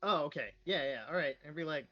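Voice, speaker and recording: A man's voice: a little high, fast, highs cut off, a loud crowd. A man playing a tabletop role-playing game, casually telling events as his character.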